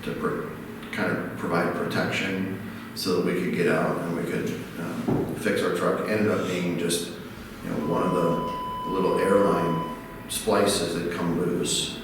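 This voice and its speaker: A man tells a story from his deployment in halting bits, full of fillers. His voice is very deep. The mic is distant in a reverberant space, with clear ambient noise. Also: flat delivery. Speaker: veteran. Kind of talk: interview anecdote. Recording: echoey hall, distant mic, background noise.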